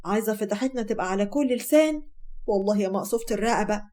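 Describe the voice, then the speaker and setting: A woman's voice: medium pitch, rapid-fire, dark tone, close to an everyday voice. A woman voicing a young Egyptian woman's harsh, dismissive sister in a told story.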